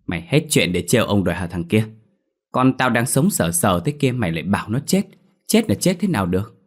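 A man's voice: fairly low pitch, very animated. A man doing a blustering, furious old father. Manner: scolding, quick and blustering. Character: hot-tempered old father, shouting and scornful.

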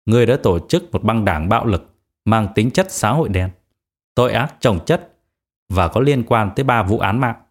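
A man voicing a merciless adult male assassin who speaks coldly, passing sentence on his victims in an audiobook. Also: fairly low pitch. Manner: cold, flat pronouncement of sentences.

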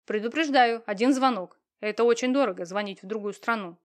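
A woman's voice: fairly high pitch, brisk, natural voice. Woman reading as a skeptical police chief.

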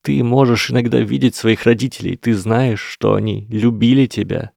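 A man's voice: mid-range voice, fairly even intonation, normal speed, gravelly, a little mellow, breathy edge, dry recording, clean studio sound, pitched above the performer's own voice. A man voicing a desperate, weeping young boy wizard who trembles, pleads and then screams, in an audiobook reading. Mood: anguished. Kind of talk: audiobook character voice.

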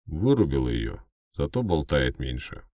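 Audiobook antihero, voiced by a man: young, gruff, sardonic, curt deadpan delivery, bottom-register pitch. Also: normal speed, no room sound, studio quality, exaggerated voice. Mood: dry, curt. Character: gruff, battered, sardonic young male protagonist. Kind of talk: fantasy audiobook character voice.

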